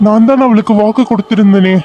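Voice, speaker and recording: A man's voice: high-pitched, quick pace, dark tone, natural voice. A man voicing an anxious young hero searching for his missing bride in a cartoon serial, firing off worried questions.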